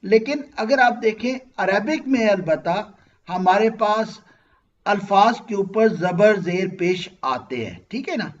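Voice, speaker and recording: A man's voice: sits high, lively intonation, slow pace, dull audio. A man, teaching Arabic grammar in an online class and patiently quizzing his students. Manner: patient, asks students questions and checks understanding.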